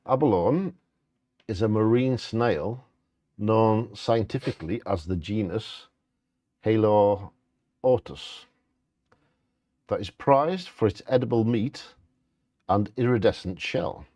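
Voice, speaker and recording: A man's voice: fairly low pitch, slow pace, long pauses, mellow, no room sound, studio quality. A man co-hosting, reading out facts informally and stumbling over scientific words.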